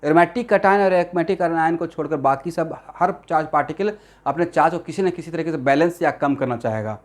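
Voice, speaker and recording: A man's voice: a little high, normal speed. A male chemistry teacher lecturing a classroom in Hindi mixed with English terms, constantly checking that students follow. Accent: Assamese-influenced Hindi.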